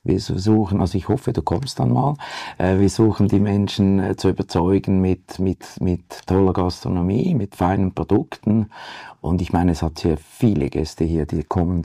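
A man's voice: sits low, vocal fry, mellow, no echo, studio quality. A middle-aged man from Zurich with a Swiss German accent, a vegetarian restaurant owner in a panel discussion who keeps tagging his sentences with "oder?". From Zurich, Switzerland.

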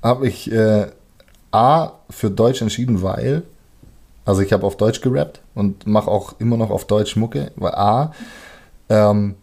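This German-speaking rapper has a lowish, gravelly, darkish voice and talks a little slowly. Chatting casually in colloquial language as a musician, he often hesitates while searching for words.

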